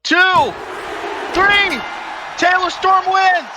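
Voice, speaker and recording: A man working as an excitable wrestling commentator, calling the match live and reacting to each move. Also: very high-pitched, extremely slow. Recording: loud event crowd and noise. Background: crowd and arena noise.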